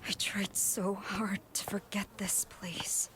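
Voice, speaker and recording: A woman voicing a wounded teenage daughter in a horror video game, plaintive and hushed, in a breathy murmur. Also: mid-range voice, monotone, slow, whispered, natural voice, rough recording. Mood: plaintive, hurt.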